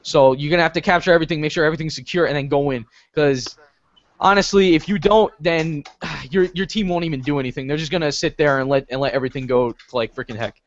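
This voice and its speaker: A man's voice: a little high, fast, lo-fi sound. A man co-hosting a casual gaming podcast, talking hesitantly with many fillers and restarts. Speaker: podcast co-host.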